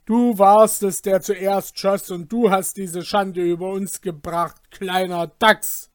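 A man voicing a greedy, blustering knight who bursts out in loud exclamations. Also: high-pitched, flat delivery, slow, no room sound, studio quality. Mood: scolding.

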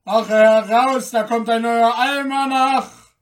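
Gruff, hostile male gate guards bark mocking orders at full volume, as a woman storyteller puts them on. The shouts are raised and pitched a little up, and the whole reading sits back from the microphone. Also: slow, far from the mic. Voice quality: rough, deep-voiced per the tale, shouted. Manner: loud barking commands, mocking.

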